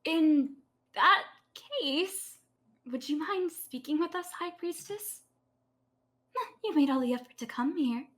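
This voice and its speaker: A woman voicing a gentle, teasing high priestess with a light and airy voice. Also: slow pace. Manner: calm, playful, gracious.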